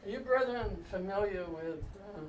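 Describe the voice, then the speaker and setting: A man's voice: high voice, normal speed. Older man, classroom teacher, patient explanations, distant mic, faint background noise. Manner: interrupts to explain pronunciation, asks "right?". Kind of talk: classroom lecture. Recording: echoey room, mic far off, faint noise.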